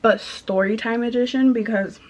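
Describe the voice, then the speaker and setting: A woman's voice: a little high, fairly even intonation, moderate pace, slight background noise. A young woman telling a rambling retail storytime while doing her makeup at home, chatty, full of fillers and restarts. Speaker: vlogger. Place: bedroom in an apartment.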